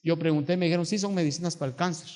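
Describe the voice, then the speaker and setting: A man's voice: a little high, very fast, darkish tone. A middle-aged man with a Guatemalan Spanish accent, preaching a sermon as pastor and acting out the voices in his stories. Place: church sanctuary. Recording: long hall reverb.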